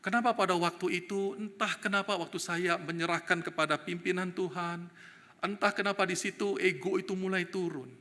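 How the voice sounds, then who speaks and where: A man preaching a sermon in a church, telling a personal story with animated shifts between soft and loud. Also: sits high, a little fast, long reverb tail. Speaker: evangelist preaching.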